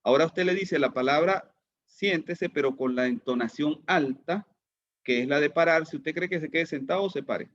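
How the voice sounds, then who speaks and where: A man's voice: a little high, fairly quick, no room sound, dull audio. A man teaching an online class, who keeps asking his students questions and repeats words as he goes. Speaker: lecturer.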